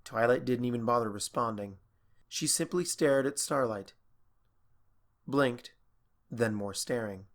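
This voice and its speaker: A man narrating a fan fiction audiobook in a steady, even storytelling manner. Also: medium pitch, unhurried, pauses often.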